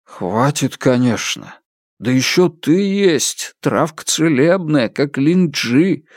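A man's voice: on the high side, animated, no echo, clean studio sound, pitched above the performer's own voice, heavily acted. A man doing a sentimental foreign pastor. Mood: wistful. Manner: slow, wistful, flares into blustering. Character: big foreign male pastor, sentimental and hot-tempered.

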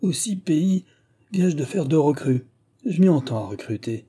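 A man's voice: on the high side, lively intonation, moderate pace, breathy edge, voice pushed up. A man doing a rowdy, swaggering army sergeant. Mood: jovial boisterous. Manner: loud, swaggering, jovial barrack-room talk. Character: boisterous hard-drinking army sergeant, man.

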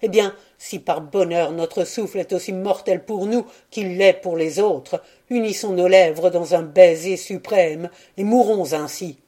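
Woman doing a bitter young man, angry, contemptuous, loud, mellow voice, audiobook. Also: lowish voice, a little slow, hardly any pauses. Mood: furious scornful. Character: young man, furious, bitter, scornful lover.

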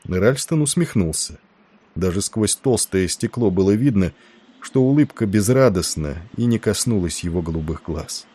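A man narrating a novel in a steady, measured reading. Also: on the low side, husky. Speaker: audiobook narrator. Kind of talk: scripted narration.

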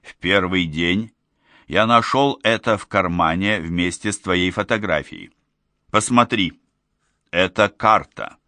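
A man's voice: sits low, takes it slowly, sharp tone, dry recording, exaggerated voice. A man reading the part of an earnest, insistent young man in an audiobook, pressing his case with urgent pleading.

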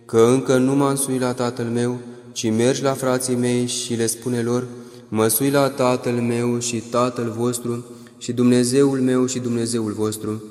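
A calm, authoritative male teacher speaks gently and solemnly, voiced by a man reading scripture aloud. The pitch holds flat and level, the delivery measured. A long hall reverb follows every phrase. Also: faint music behind, natural voice. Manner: solemn, measured, partly chanted.

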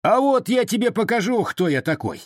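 A man reading the part of a rough Cossack soldier who bullies and shouts in a raised voice. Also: high-pitched, sing-song, moderate pace, no room sound, studio quality, pitched above the performer's own voice. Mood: bullying. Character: rough frozen Cossack soldier, loud and bullying.

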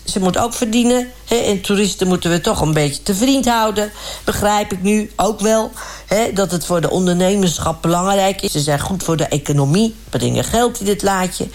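A woman's voice: medium pitch, a little mellow, natural voice. A woman voicing a chatty, self-righteous middle-aged village man who rambles indignantly in a comic radio sketch. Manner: rambling, indignant, repeats "hartstikke" and "gewoon".

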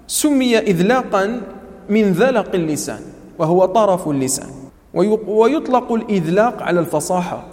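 A man teaching tajweed to a class. He repeats key terms, quizzes his students and recites Quranic words slowly as examples. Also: high-pitched, a little mellow, in a large hall. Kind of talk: classroom lecture.

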